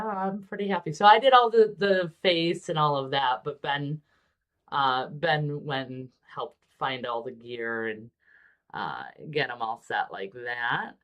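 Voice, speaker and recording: A woman hosting a casual livestream about miniature painting, relaxed and chatty with frequent ums. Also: sits low.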